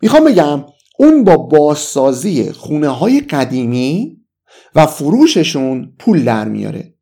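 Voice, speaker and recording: A man with a Persian accent teaching English vocabulary in a casual, enthusiastic lesson, saying the English phrases slowly. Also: a little high, wildly swooping pitch, dark tone.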